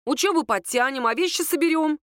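A lively, teasing young woman from a storybook, played by a woman narrator, eager and quick to mock her friend. Her voice is high and sounds close and dry. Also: no room sound, natural voice.

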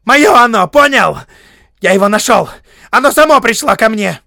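A man reading an audiobook, voicing a fretful old male hobbit whose voice turns shrill and whining as he clings to his treasure. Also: expressive, moderate pace, vocal fry, bright, forceful tone, no echo, studio quality, heavily acted. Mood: shrill, possessive. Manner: shrill, whining, sobbing outbursts. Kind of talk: audiobook character voice.

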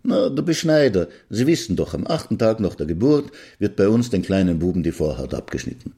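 A man's voice: sits low, big pitch swings, brisk, gravelly, mellow, husky, exaggerated voice. A man doing a dry, patient old-world circumciser.

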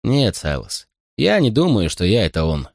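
A gentle, bewildered grown companion, read by a man in a lowish voice with lively, expressive swings. He speaks earnestly and a little helplessly, close and dry like a storybook. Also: normal speed, creaky, no echo, heavily acted. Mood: puzzled.

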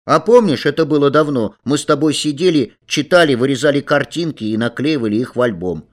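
A man voicing a gentle, worried mother who asks soft, coaxing questions. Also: medium pitch, expressive, fairly quick, voice pushed up, natural voice. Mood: fond.

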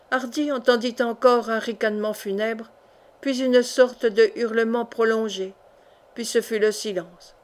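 A woman narrates a classic adventure novel as an audiobook reader, her reading measured and expressive. Her voice sits on the high side.

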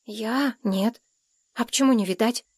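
A woman's voice: on the high side, a little slow, a little mellow, slightly rough, no room sound, clean studio sound. A woman reading a story, voicing a timid, eager young boy who asks hesitant, anxious questions. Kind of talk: audiobook character voice.

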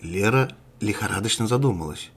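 A man narrates a dramatic story in a low, husky voice. His delivery is measured and steady.

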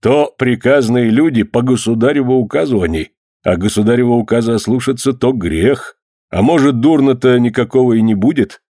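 A man's voice: mid-range voice, brisk, dark tone, dry recording, clean studio sound, close to an everyday voice. A man voicing a careful, placating male village priest.

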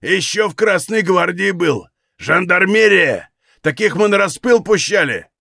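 A man voicing a small, spiteful, hotheaded Cossack who shouts and quarrels. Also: high-pitched, animated, unhurried, gravelly, dry recording, studio quality, voice pushed up, full character voice. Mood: heated shouting.

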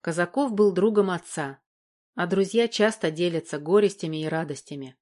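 Woman narrator, lower voice, audiobook, even, measured storytelling. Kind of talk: scripted narration.

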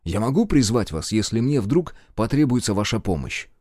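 A man's voice: fairly low pitch, sing-song, moderate pace, a little mellow, no room sound, clean studio sound. A man reading a cheeky earnest young man. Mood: defiant. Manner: earnest, defensive, casual. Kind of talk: audiobook character voice.

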